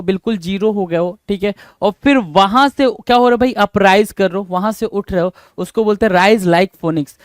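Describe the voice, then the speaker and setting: High-voiced man teaching English idioms. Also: clean tone, no echo, clean studio sound. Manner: explains in Hindi, repeats English idioms slowly and deliberately; asks the class rhetorical questions, calling them "bhai". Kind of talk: exam-prep vocabulary lesson.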